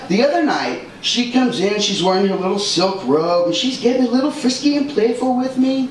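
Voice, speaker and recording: A man with a very high-pitched, sing-song voice performs a stand-up comedy set on a club stage at a moderate pace, punchy and exaggerated, slipping into character voices. The club audio is echoey and distant, with loud room noise.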